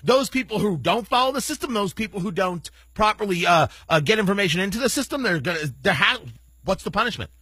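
A bright, lively man, riffing as a talk radio host. He lays on the sarcasm and swings his pitch wide, in a husky voice recorded close and dry. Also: fast talker, no echo. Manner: animated, sarcastic, indignant.

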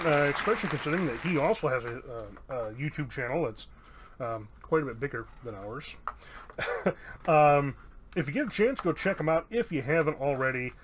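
A man's voice: a little high, heavy background noise. A man hosting a casual pack-opening video, reading out card names in an upbeat, chatty way with an American accent. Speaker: YouTube host opening card packs.

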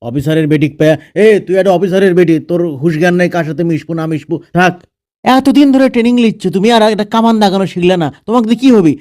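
A man's voice: high-pitched, rapid-fire, a little mellow, lightly acted. A man with a Bogura accent from northern Bangladesh playing a bossy army officer and father in a comedy dub, scolding and sarcastic. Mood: angry scolding. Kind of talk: comedy dubbing in dialect.

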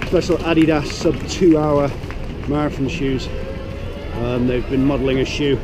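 Casual male vlogger, thirties, mid-pitched voice, handheld camera outdoors, loud street and traffic noise behind. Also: steady tone, moderate pace. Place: outdoors on busy city streets. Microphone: action camera at arm's length.

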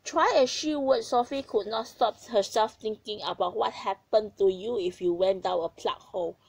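A woman narrating a children's story aloud in a gentle, expressive way. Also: mid-range voice, normal speed, gravelly, breathy edge, no room sound, low-quality recording.

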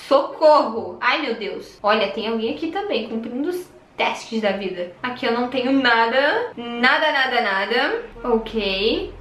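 A young Brazilian woman giving excited, chatty commentary on her own gameplay, shrieking at surprises and muttering through tasks. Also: high-pitched, reverberant. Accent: Brazilian Portuguese. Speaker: gaming youtuber.

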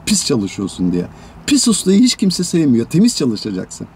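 A man from Turkey, a general contractor, chatting casually in a vlog from a house he is renovating, grumbling and swinging from tired sighs to loud rants. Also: a little high, wildly swooping pitch, normal speed, roomy sound, a little hiss or hum. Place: house under renovation, indoors.

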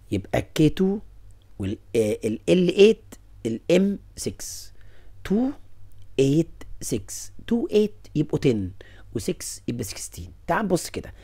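A young man with an Egyptian Arabic accent teaching a science exam review, mixing English terms into his Arabic and quizzing students. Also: medium pitch. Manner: lively, mixes English terms into Arabic, asks students questions.

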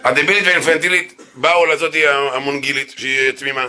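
Animated joking rabbi giving a lecture. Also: male voice, medium pitch. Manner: animated, joking, acts out quotes. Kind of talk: Torah lecture. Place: synagogue.

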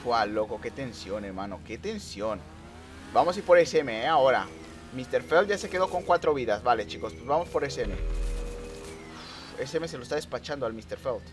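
A man streaming live gameplay commentary, excitable, muttering one moment and shouting the next. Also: mid-range voice, moderate pace, music in the background. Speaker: gaming streamer.

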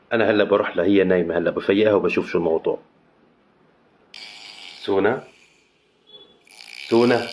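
Man, pet vlog host, playful scolding and coaxing, lively swinging pitch, echoey room. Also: slight background noise. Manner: mock-scolding, coaxing the pets. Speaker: pet owner. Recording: roomy echo.

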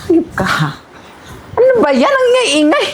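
An indignant homeowner in a short film drama, fending off accusations in a very high, lively voice. She talks dramatically and with exasperation, with clear outdoor noise around her. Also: moderate pace, heavily acted.

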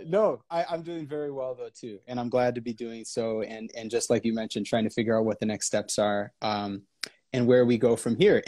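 A man in his thirties, a composer, interviewing a guest over a video call from home, joking and quick to laugh. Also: medium pitch. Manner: jokey, quick to laugh, asks warm questions. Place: home room. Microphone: laptop webcam on video call.

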